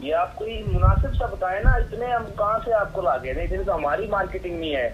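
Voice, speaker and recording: Over a dull, noisy phone line, a man with a Pakistani accent talks a little fast in a high-pitched voice. He supplies medicine and sounds exasperated and sarcastic during the call.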